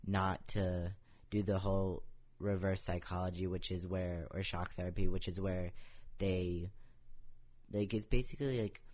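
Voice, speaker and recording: A man's voice: low-pitched, steady tone, unhurried, muffled recording. A young man telling his personal story as a podcast guest, earnest and casual, leaning on "like" in almost every phrase. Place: office podcast set.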